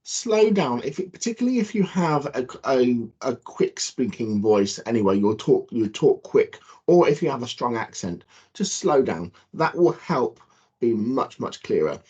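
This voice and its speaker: A man's voice: medium pitch, lively intonation, measured pace, a little mellow, slightly rough, muffled recording. A man co-presenting an awareness talk to students over a video call, explaining and demonstrating his points. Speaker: guest presenter.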